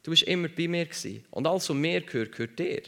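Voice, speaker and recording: An easygoing, generous father talks to his son in a slightly raised, casual voice, as a preacher acts him out. He sounds offhand and indulgent. There is a gravelly edge to the voice. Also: on the high side, animated, fast, sharp tone, long reverb tail, pitched above the performer's own voice, exaggerated voice.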